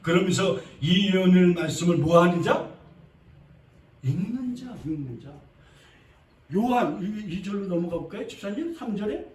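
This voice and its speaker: A male pastor preaching a sermon in an emphatic, repetitive way, with sudden swings between loud and quiet. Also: high voice, animated, normal speed, long pauses. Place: church sanctuary. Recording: echoey church from a distance.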